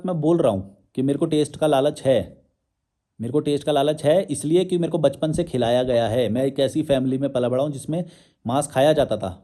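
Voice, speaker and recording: Combative young man, mellow voice. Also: a little high. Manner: combative, challenging, rhetorical questions. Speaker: social media commentator. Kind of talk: confrontational monologue to viewers.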